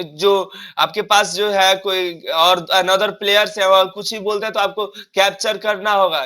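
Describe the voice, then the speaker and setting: A young male teacher from India with a Hindi accent runs an exam-prep lesson, posing questions and then answering them himself. He often stumbles and restarts words and reads English questions slowly, one word at a time. His voice sits high and sounds bright and forward.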